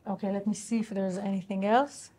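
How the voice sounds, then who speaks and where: A company executive on an investor call gives unscripted answers during an earnings call. Her mid-pitched, soft-edged voice has a mellow, steady tone, and she speaks in a businesslike yet halting manner, feeling her way through each reply.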